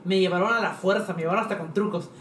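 A man's voice: sits high, fairly even intonation, racing, fairly bright tone, slight background noise. A man with a Mexican accent in casual chat, telling a slangy story. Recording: roomy echo.

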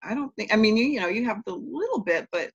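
Podcast host, casual interview, rambling, joking, mid pitch. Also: lively intonation, fast, highs cut off. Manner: loose, joking, rambling sentences.

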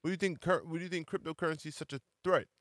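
A man in his late twenties in a casual chat, blunt and slangy, quick to agree. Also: a little high, fairly bright tone, dry recording, clean studio sound. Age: late 20s.

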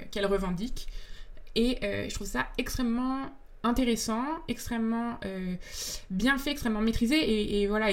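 A young adult woman, a podcast guest, talking about films in a thoughtful, enthusiastic way while she searches for her words. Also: fairly high pitch. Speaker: podcast guest, comics author and film student. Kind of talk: casual interview talk.

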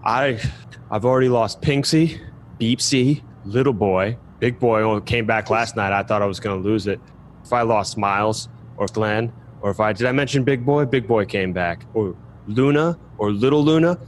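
A man's voice: moderate pace, slight background noise, natural voice. A man voicing a nervous middle-aged male motel owner who rambles anxiously about his many cats. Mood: fretful. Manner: rambling, fretful, voice jumping high when upset.

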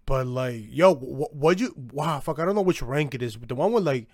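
A man's voice: medium pitch, animated, fairly quick, a little mellow, no echo, studio quality. A young man chatting casually about anime as a co-host, with a hyped, slangy, swearing frat-bro manner. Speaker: podcast co-host. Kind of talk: casual anime discussion chat.

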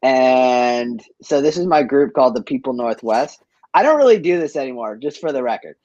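Telling stories as an interview guest, an East Boston, USA chef and business owner speaks informally and slangily, dropping "like" often. His voice is medium in pitch and a little mellow, with lively intonation and a moderate pace. The recording is muffled, with no room sound.

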